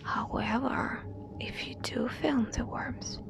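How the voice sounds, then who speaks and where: Female ASMR storyteller for a horror tale: hushed whisper, creaky edge, soft and deliberate. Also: fairly high pitch, over loud music.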